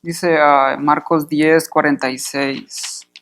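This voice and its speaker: A man preaching a sermon in a church, reading scripture aloud and explaining it in an easygoing way, often pausing on filler words. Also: a little high, level tone, fairly bright tone. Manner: conversational, fills pauses with "este" and repeats "dice" while reading.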